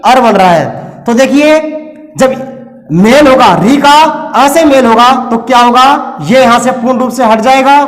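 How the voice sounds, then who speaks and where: A man's voice: very high-pitched, measured pace, long reverb tail. A man teaching a recorded lesson, explaining step by step and asking and answering his own questions.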